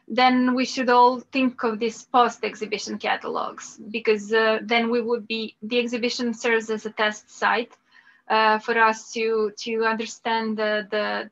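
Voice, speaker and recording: A woman with a Serbian accent, speaking English as a second language, moderating a conference talk in a thoughtful, halting way. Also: on the high side, fairly bright tone, muffled recording. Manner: thoughtful, halting, repeats words.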